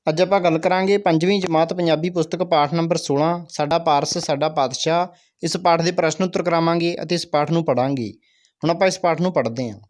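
A man's voice: a little high, steady tone, quick pace. Teacher man reading a lesson aloud.

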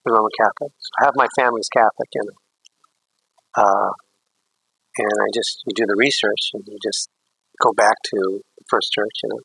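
A man's voice: on the low side, fairly even intonation, moderate pace, vocal fry, long pauses, pushed and bright, husky, no room sound, rough recording. A man, a priest, teaching a catechism class in a rambling, anecdotal way with jokey asides.

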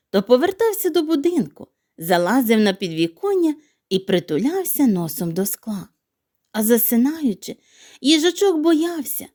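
A woman reading a children's fairy tale aloud in an expressive, sing-song way. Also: high voice. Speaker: storyteller. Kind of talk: children's audiobook narration.

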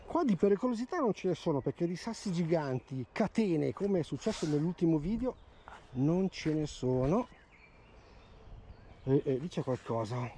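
A man's voice: a little high, normal speed, a little hiss or hum. A man magnet fishing by a river, chatting through his finds in a casual vlog and repeating words when something turns up. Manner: excited, repeats words while pointing out finds. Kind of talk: casual outdoor vlog commentary. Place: outdoors by a river.

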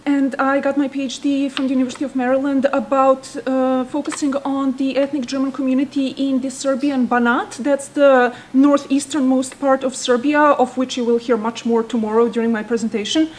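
High-voiced woman, dryly cynical historian. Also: little pitch movement, fairly quick, hardly any pauses, darkish tone. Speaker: historian, conference panelist. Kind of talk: self-introduction at an academic workshop. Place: seminar room. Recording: faint room noise.

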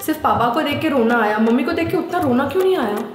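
A woman's voice: high voice, animated, fast talker. A young woman doing a comic sketch, complaining in an exasperated, mock-dramatic way. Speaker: comedy creator. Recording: echoey room with music behind.

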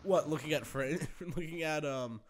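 A man's voice: a little high, normal speed. A man chatting and joking with friends over voice chat while playing an online game. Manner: joking, laughs often. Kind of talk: casual gaming voice chat.

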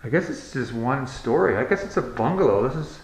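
A man's voice: medium pitch, lively intonation, brisk. Man murmuring in echoey empty rooms. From Canada. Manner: hushed, awed asides while exploring. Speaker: urban explorer. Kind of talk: casual walkthrough narration. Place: empty abandoned house, indoors. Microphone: handheld or body camera.

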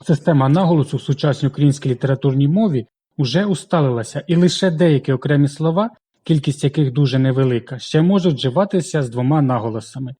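A man teaching a language lesson in a scripted, careful way, slowly reading out lists of example words. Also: medium pitch, dark tone, slightly rough.

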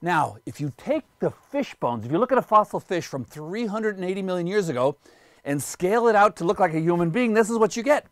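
A man's voice: sits high, animated, brisk, a bit bright, dry recording, studio quality. A man giving a biology lecture, explaining things step by step and pointing them out as he goes.

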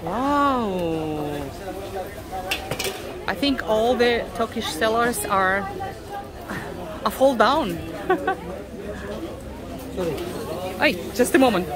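Russian woman vlogging at a fish market, slow halting english, lots of uh's, crowd noise around. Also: a little high. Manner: excited, chatty with sellers, halting English with fillers. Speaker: travel vlogger. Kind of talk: casual walking vlog. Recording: busy crowded market in the background.

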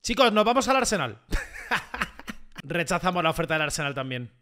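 Male gaming YouTuber, high and bright, excitable play-by-play with repeated phrases and shouts. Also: fast. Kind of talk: gameplay commentary.

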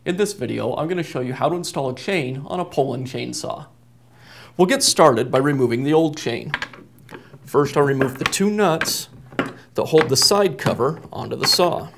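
A thirtysomething repair tech talks through a job step by step from his workshop bench, plainly and methodically. He has a mid-range, creaky, animated voice at a moderate pace, and the background is noisy.

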